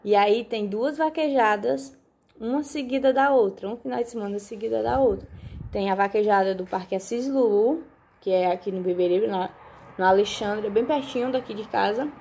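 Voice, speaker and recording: A woman's voice: mid-range voice, normal speed, warm tone, slightly rough. A woman, chatting casually to her viewers on a phone video, often checking in with them and repeating herself. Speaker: vlogger. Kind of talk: casual vlog talk to viewers. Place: countryside home.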